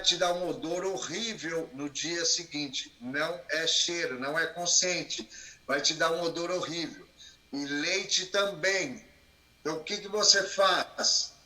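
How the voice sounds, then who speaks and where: A man lectures with lots of vocal play, pushing his voice up and dropping it low. His tone is very bright and forceful. The sound carries a roomy echo. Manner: expressive, plays with rising and falling voice. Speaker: guest speaker. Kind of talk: animated lecture on a live stream.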